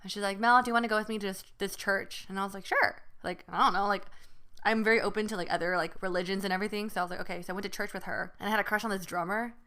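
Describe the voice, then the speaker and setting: A woman's voice: medium pitch, fairly even intonation, rapid-fire, bright, forceful tone, smooth. A young woman co-hosting a podcast, chatting casually and rambling with lots of fillers. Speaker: podcast co-host. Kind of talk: casual chat.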